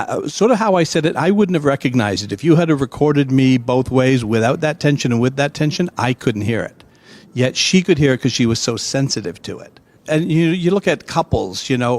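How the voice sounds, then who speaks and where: A middle-aged man explaining his ideas as a guest in a conversational interview, emphatic and animated, acting out bits of dialogue. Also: medium pitch, no room sound. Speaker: guest expert.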